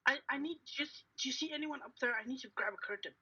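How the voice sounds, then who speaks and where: A woman's voice: high-pitched, fast, sharp tone, slightly rough. A woman improvising casually as a player in a tabletop roleplaying game, on a slightly dull microphone.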